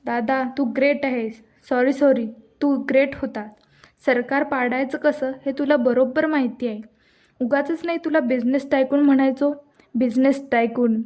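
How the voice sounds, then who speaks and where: A woman's voice: high-pitched, fairly even intonation, normal speed, darkish tone, close to an everyday voice. A woman voicing a drunk young man who speaks sarcastically and mockingly, in her own voice.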